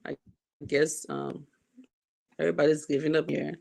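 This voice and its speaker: A woman chairing a program, speaking quietly and hesitantly over a video call whose choppy audio keeps breaking up. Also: low voice, little pitch movement, normal speed, gravelly. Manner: quiet and hesitant, with many fillers. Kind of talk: casual talk on a video call. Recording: distant, glitching online call audio.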